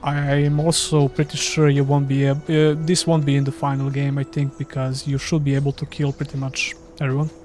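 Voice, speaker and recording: A man's voice: mid-range voice, monotone, normal speed, hardly any pauses, a little mellow, soft background music. A man from Serbia with a Serbian accent, a gaming streamer chatting casually and self-deprecatingly while playing live. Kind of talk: casual live gameplay commentary.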